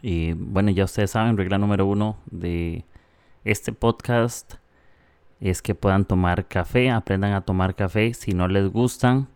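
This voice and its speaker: Deep-voiced Costa Rican podcast host. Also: male voice, creaky, smooth, no echo. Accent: Costa Rican Spanish. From Costa Rica. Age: 30s. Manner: warm, chatty, with frequent "eh" fillers. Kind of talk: casual reflective podcast monologue.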